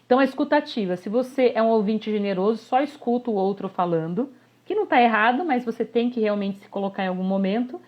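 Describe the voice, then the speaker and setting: A woman, a communication coach giving a live online workshop, animated and constantly checking in with her listeners. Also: on the high side, fast talker. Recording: slightly dull lo-fi audio.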